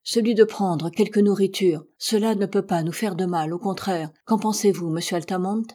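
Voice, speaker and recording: A woman's voice: mid-range voice, normal speed, mellow, close to an everyday voice. A woman voicing an old male ship's boatswain, plaintive and fretful, in a read-aloud novel. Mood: rueful.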